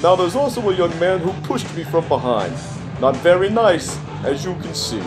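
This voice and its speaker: An older man narrates in a comic, grumpy manner. His voice is fairly high and swings up and down a lot as he complains in folksy, exaggerated fashion. Music plays clearly behind him. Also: expressive, moderate pace. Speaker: comic commentator. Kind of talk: comic narration over festival videos.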